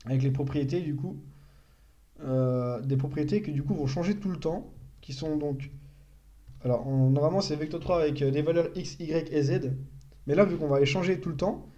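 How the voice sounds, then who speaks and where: A man's voice: fairly high pitch, normal speed, warm tone, dull audio. A young man giving a casual live-stream coding tutorial, thinking aloud and correcting himself as he explains. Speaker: programming tutor.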